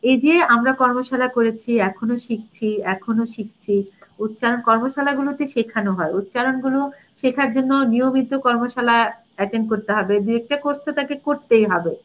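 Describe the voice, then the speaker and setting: A middle-aged woman who teaches and recites Bangla explains pronunciation rules in a live interview, demonstrating words and singing short lines. Her voice is a little high and fairly quick, and the lo-fi audio sounds dull.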